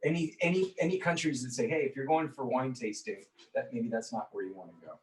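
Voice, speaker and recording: Rambling talk show host, distant mic. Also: male voice, mid-range voice, fast. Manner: loose and rambling, with fillers and chuckles. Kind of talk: casual interview.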